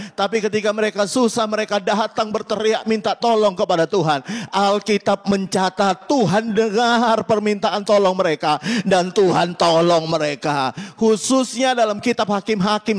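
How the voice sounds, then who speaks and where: Man, pastor, high voice, emphatic sermon, online church service. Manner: emphatic preaching, rising to loud repeated declarations.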